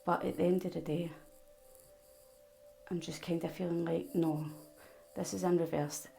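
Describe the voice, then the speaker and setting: A woman's voice: fairly low pitch, little pitch movement, normal speed, vocal fry, mellow, slight background noise, poor audio. A Scottish woman with a Glasgow accent, giving a casual, rambling tarot reading straight to the viewer. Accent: Glaswegian Scottish. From Glasgow, Scotland. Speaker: tarot reader.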